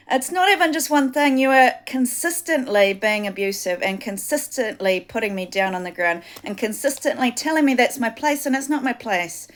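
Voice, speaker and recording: Woman, high voice, distraught rambling to-camera plea. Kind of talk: monologue to camera.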